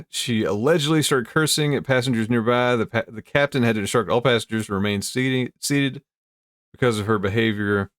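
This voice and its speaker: A man's voice: medium pitch, no echo, studio quality. A man hosting casually, reading news aloud with amused commentary. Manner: amused, easily breaks into chuckles. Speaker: host.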